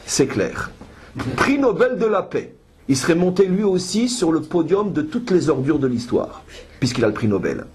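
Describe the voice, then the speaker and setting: A woman's voice: low-pitched, big pitch swings, normal speed, darkish tone, slight background noise. A woman giving a Torah study lesson. She reads Hebrew verses aloud and then explains them with pointed, ironic asides. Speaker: Bible teacher.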